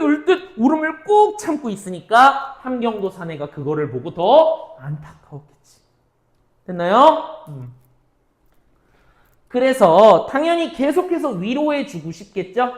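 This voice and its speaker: A woman teacher lectures on a modern poem for exam prep in a chatty way that speaks straight to her students. She keeps asking questions and answering them herself, her pitch swinging up and down. The room around her is noticeably echoey. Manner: chatty, addresses students directly. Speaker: Korean literature teacher. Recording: roomy echo.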